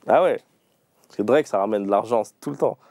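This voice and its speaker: A man's voice: on the low side, fairly quick, a little mellow. A man hosting a casual livestream interview, firing off playful either-or questions and laughing often. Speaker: host.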